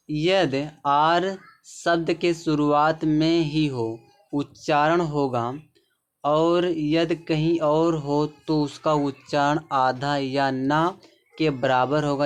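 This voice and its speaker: A man with a Hindi accent teaching English pronunciation, explaining slowly and repeating words, often checking in with the viewer. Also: fairly high pitch, fairly even intonation, clean tone.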